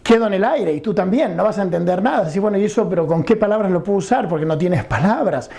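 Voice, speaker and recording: A man's voice: sits high, expressive, quick pace, vocal fry, mellow. A middle-aged man teaching an English grammar lesson, explaining patiently and often checking understanding.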